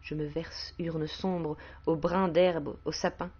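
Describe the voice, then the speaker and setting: A woman's voice: sits low, flat delivery, slow, darkish tone, breathy edge, highs cut off, full character voice. A woman reading a poem aloud in a solemn, declamatory way, giving voice to the Earth as an ancient, scornful female figure. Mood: scornful, grand. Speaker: poetry reader. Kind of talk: poetry recitation.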